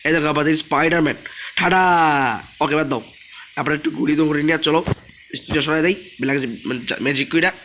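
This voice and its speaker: A young man, hoarse from a sore throat, chatting casually as he plays a game and keeps asking viewers to subscribe. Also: on the high side, fairly even intonation, brisk, fairly bright tone, slight background noise. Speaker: gaming channel host. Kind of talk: casual gameplay commentary.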